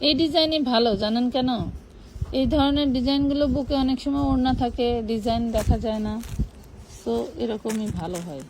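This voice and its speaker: A woman's voice: high voice, moderate pace, noisy background. A woman with a Bangladeshi Bengali accent, co-hosting a live clothing sale and admiring the dresses aloud. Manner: admiring exclamations over the dresses. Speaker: online clothing seller. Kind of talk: live sales pitch.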